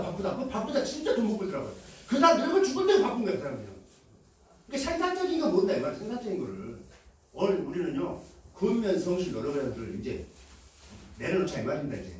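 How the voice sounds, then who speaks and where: Animated man lecturing in an echoey hall. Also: high voice. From Jeolla region, Korea. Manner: lively call-and-response, acts out quoted lines, laughs often. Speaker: motivational lecturer. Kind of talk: animated lecture to a live audience. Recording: echoey hall, heard from a distance.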